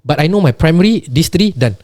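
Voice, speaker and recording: A man's voice: on the high side, animated, fairly quick, darkish tone, no echo, clean studio sound. A man with a Singaporean accent explaining things casually in an interview, emphatic and repetitive, often tagging his sentences with "right" and "lah". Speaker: podcast guest.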